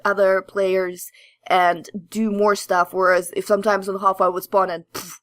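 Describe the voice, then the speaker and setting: This podcast co-host, a woman with a mid-range voice, delivers her lines flatly at a normal speed, and there's no room sound. She chats casually about games, hesitating and rambling as she goes.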